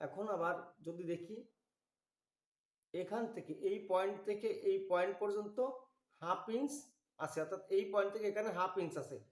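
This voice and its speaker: A man giving a slow, methodical drawing tutorial, walking through each step. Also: sits high, steady tone, echoey room. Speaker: drawing instructor.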